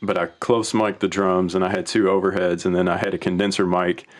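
A man who is a guest on a podcast, chatting casually about home recording. He rambles in a relaxed way, often restarting his sentences. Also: low voice, fairly quick. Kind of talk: casual chat.

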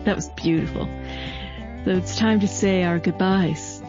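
A woman co-hosts a casual podcast, giggly and quick to agree with her partner. Her sound is dull and lo-fi. Faint music sits behind her. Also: on the low side. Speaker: podcast co-host. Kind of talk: casual chat.

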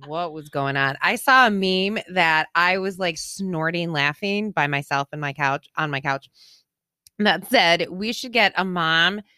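A woman podcast co-host with a bright, forward voice on the lower side. She talks slowly and informally in casual conversation. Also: smooth, no room sound, studio quality.

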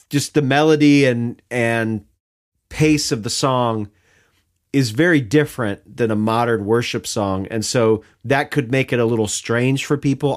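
A man co-hosting a podcast in casual chat, thinking aloud with restarts and fillers. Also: medium pitch. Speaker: podcast co-host.

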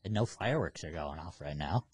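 A man co-hosting a podcast, chatting casually and questioning spirits slowly and solemnly. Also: rumbling low, lively intonation, slightly rough, no room sound. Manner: slow, solemn questioning when addressing spirits. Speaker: podcast co-host. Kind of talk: casual banter.

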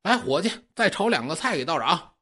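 A man voicing a worried, kind-hearted old farmer who stammers and exclaims in a husky voice. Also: a little high, sing-song, fairly quick, sharp tone, pitched above the performer's own voice, exaggerated voice. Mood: fretful. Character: old male farmer, anxious and good-hearted.

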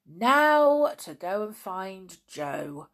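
A woman reading aloud and voicing Moonface, a little magical man who pleads and urges with raised pitch. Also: very animated, very slow, fairly bright tone, full character voice. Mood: urging.

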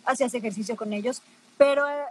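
A woman's voice: on the high side, fast talker, slight background noise, poor audio. A woman podcast host, interviewing a guest with long, meandering questions full of restarts. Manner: probing, rambling questions with restarts. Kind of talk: conversational interview.

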